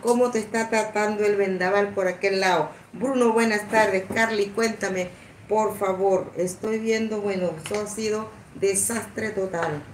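A woman chats on a livestream in an unhurried, drawn-out way, calling her viewers sweetheart and laughing between words. Her voice rings in an echoey room with a faint hiss of background noise. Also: mid-range voice, steady tone, far from the mic. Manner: affectionate, chatty, laughs often, many restarts. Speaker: livestream host greeting viewers. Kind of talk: casual livestream chat.

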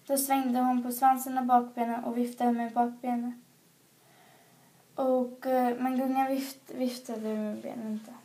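Woman reading a picture book aloud, halting, stumbles, mellow voice, flat pitch. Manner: halting, frequent stumbles and restarts. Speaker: reader.

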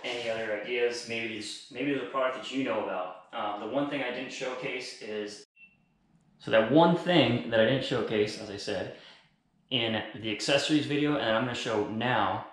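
A man in his thirties gives a casual how-to while he works, at an ordinary middle pitch. He talks in a relaxed way and often doubles up his words. He is recorded by a camera across a small bare room with strong echo, and the camera is sometimes held close. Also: moderate pace. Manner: relaxed, repeats words as he goes. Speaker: outdoor gear channel host. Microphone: camera on a stand across the room, later held close.

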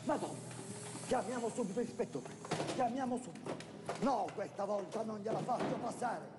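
Indignant high-pitched headmaster. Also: male voice, expressive, normal speed. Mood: outraged. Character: indignant, fussy school headmaster, easily scandalised. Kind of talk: broad TV sitcom comedy acting. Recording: echoey room, loud music and crowd.

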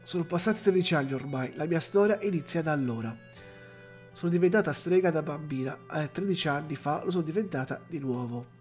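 A man reading aloud the lines of a solemn older woman sorceress from a game, in a slow read-aloud delivery. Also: on the high side, a little mellow, faint music behind, lightly acted.

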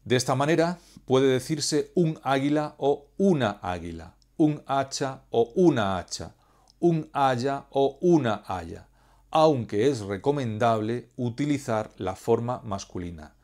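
Man, language teacher, measured, didactic, mid-range pitch. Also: lively intonation, a little mellow. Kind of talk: scripted educational explanation.

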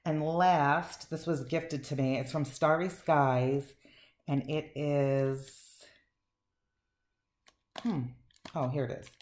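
A woman's voice: extremely low pitch, a little mellow. A woman chatting casually and enthusiastically as she reviews wax melts, rambling with fillers. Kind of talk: casual chat. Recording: echoey room, faint noise.

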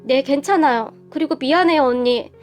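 Lady voicing a teary young wife, soft and unsure, high voice. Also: normal speed, soft background music, natural voice. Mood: tearful. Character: tearful young married woman.

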